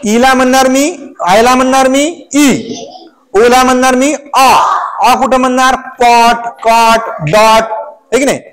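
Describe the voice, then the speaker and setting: A man's voice: extremely high pitch, steady tone, a little slow, fairly bright tone. A male teacher, taking a class through a lesson, asking questions and chanting letters aloud. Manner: call-and-response questioning of pupils.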